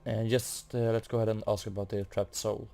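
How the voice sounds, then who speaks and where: Playing through a quest, this gamer narrates casually and haltingly, working things out as he goes. He speaks briskly in a level, low-leaning voice with a gravelly, dark tone.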